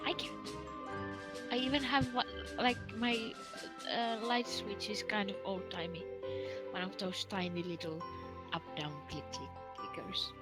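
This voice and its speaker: A woman's voice: medium pitch, fairly even intonation, a little slow, music in the background. A woman playing a tabletop game, chatting casually and joking. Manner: playful, joking. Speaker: player.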